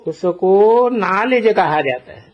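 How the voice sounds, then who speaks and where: This man's voice is high and expressive as he delivers a spiritual talk in the role of a teacher, moving slowly and deliberately. He puts rhetorical questions to the audience, and the recording sounds dull and lo-fi.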